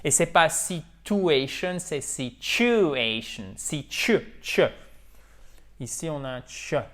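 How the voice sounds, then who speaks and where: A man teaching English in a video lesson drills pronunciation by repeating words and checking in with "ok?", switching between French and English. His voice is on the high side and a bit bright, and he takes it slowly.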